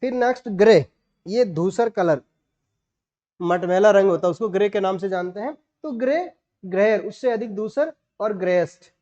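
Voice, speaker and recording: In a dull lo-fi recording, a man speaking with a Rajasthani Indian accent runs an online grammar class. His high voice is mellow and expressive, moving at a moderate pace while he breaks down rules step by step and spells out each word letter by letter.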